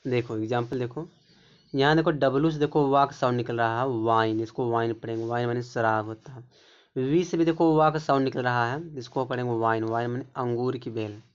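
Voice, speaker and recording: A man's voice: medium pitch, brisk, clean tone. A man teaching English pronunciation rules, explaining word by word and pointing things out again and again. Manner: repetitive, keeps pointing things out. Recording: dull lo-fi recording.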